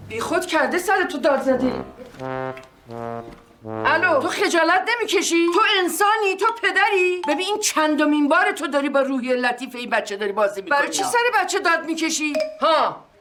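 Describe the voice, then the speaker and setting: A woman's voice: sits high, sing-song, long pauses. A woman playing a melodramatic mother who scolds her husband over the phone in a comedy sketch. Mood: angry scolding. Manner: nagging, melodramatic. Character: scolding, fussy housewife on the phone. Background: background music.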